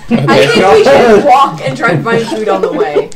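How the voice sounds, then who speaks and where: A woman playing a tabletop game, chatting eagerly with quick questions and giggles. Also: fairly high pitch, animated, over a noisy crowd. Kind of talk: casual game chat. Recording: echoey room, away from the mic, audible noise.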